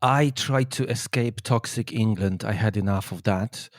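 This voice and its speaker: A man's voice: lowish voice, normal speed, dry recording, clean studio sound. Hesitant man in his thirties. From Poland. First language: Polish. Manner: hesitant, repeats words while finding his thoughts. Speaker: guest, urban explorer and maths teacher. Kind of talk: casual interview chat.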